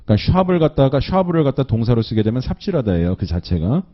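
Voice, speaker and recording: A man teaching an English listening class, slowly repeating phrases and checking in with students after nearly every line. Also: medium pitch, very animated. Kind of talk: recorded online lecture. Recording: dull lo-fi lecture recording.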